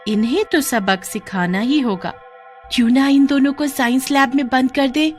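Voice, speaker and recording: Shrill sneering rich girl in a cartoon, woman puts her on, very high and loud. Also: moderate pace, soft background music, lightly acted. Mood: scheming. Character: spoiled haughty schoolgirl bully.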